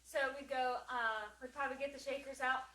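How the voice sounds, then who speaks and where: A woman's voice: high voice, steady tone, a little fast, bright, forceful tone, roomy sound, poor audio. A woman tutor walking through memory work, explaining hand motions and singing skip counts. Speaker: homeschool class tutor.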